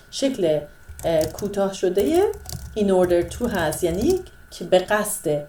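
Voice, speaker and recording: A woman teaching English vocabulary in Persian, explaining step by step and reading English phrases out slowly. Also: mid-range voice, mellow, reverberant, recorded from a distance.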